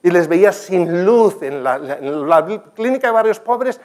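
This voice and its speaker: It's a conference room with a projector screen, where an older man with a high voice delivers a slide talk at a measured pace. Earnest and animated, he tells stories, gestures as he speaks, and sometimes restarts.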